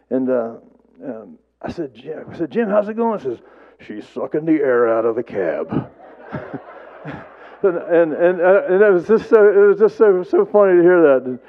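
Man, eulogy speech, rambling, halting, folksy humor, fairly high voice, tinny phone-like sound. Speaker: friend giving a eulogy. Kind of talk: storytelling speech to a gathered audience. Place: memorial service, before an audience.

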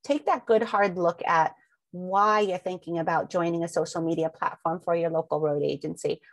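This woman's voice sits fairly low, with fairly even intonation and a normal speed, recorded without echo. She's giving a slide-based webinar, posing one rhetorical question after another, filling gaps with frequent ums, and she sounds a bit stuffy from allergies.

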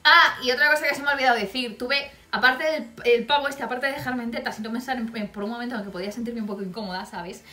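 Bright-voiced Spanish woman with a blunt tone. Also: fairly high pitch, quick pace, few pauses, reverberant. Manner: blunt, profane, wry storytelling. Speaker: vlogger. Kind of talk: storytime vlog.

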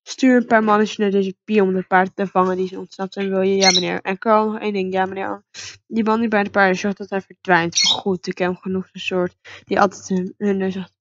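A woman's voice: mid-range voice, flat delivery, a little fast, no room sound, lo-fi sound, pitched below the performer's own voice, natural voice. A woman voicing a scheming male villain boss in a horse-riding game, with a mocking, gloating manner.

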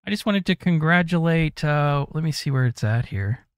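A man's voice: a little high, expressive, normal speed, smooth, no echo, clean studio sound. A man doing casual, jokey, rambling commentary as he plays a video game on a live stream.

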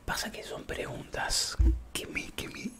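It's a man's soft whisper, a little slow, with a Rioplatense Spanish accent. He's an ASMR live streamer rambling playfully as he chats with viewers.

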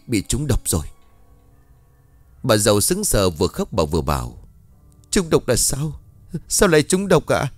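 Expressive male storyteller. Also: lowish voice. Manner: expressive, dramatic delivery. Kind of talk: ghost story narration. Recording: soft background music.

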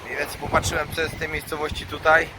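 A man's voice: fairly high pitch, completely flat delivery, fast, background noise. A man with a Polish accent chatting casually as a travel vlogger, rambling in slangy, colloquial speech and thinking aloud. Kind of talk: casual rambling vlog chat.

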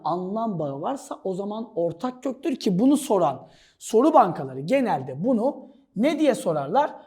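Playful, animated male exam-prep teacher. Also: sits high. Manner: playful and jokey, breaks into shouts and sound effects; addresses students as "kardeş". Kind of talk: energetic video lesson solving exam questions.

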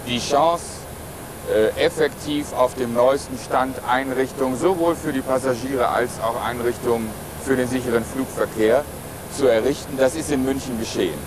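A man's voice: mid-range voice, normal speed. A middle-aged man, an airline captain, explaining things in an interview. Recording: clear aircraft cockpit noise.

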